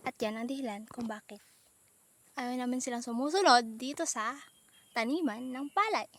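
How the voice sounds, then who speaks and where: A young woman vlogs outdoors beside rice fields, her voice a little high and her pace normal, with a faint hiss or hum behind it. She chats playfully, joking and teasing as she switches between Tagalog and English.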